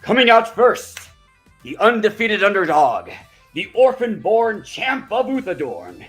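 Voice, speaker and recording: A man voicing a flamboyant showman ring announcer whose voice is magically amplified to boom over a crowd, shouting rhyming hype. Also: huge pitch swings, a little slow, soft background music, full character voice. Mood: hyped. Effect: magically amplified booming announcer voice. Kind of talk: tabletop roleplay character voice.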